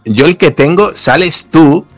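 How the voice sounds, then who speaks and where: A man with a Mexican accent, a podcast co-host who asks questions in an animated, incredulous way. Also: fairly high pitch, unhurried, no echo, faint music behind. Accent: Mexican Spanish. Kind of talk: casual podcast chat.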